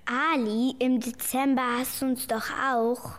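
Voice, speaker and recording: A woman's voice: high-pitched, fairly even intonation, a little slow. A woman playing a worried, questioning child in a children's radio play.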